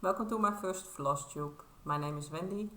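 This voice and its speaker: A Dutch woman in her thirties, a native Dutch speaker, talks casually in English on her crafting vlog, showing and telling. Her deep voice moves at a moderate pace, bright and forceful, in a roomy space. She's hesitant, modest and apologetic, full of fillers and restarts.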